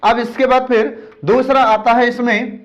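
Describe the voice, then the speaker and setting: A man with a high voice teaches an exam-prep lecture, steadily asking questions and answering them himself. He repeats key terms slowly so students can memorize them. The recording sounds dull and lo-fi. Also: level tone. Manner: drills points by asking and answering his own questions.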